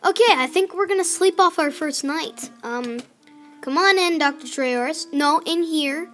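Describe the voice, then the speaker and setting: Faint clarinet music runs under the unhurried, high-pitched, fairly bright voice of a young girl gaming. She gives casual commentary on her play, telling off her villagers and narrating her builds.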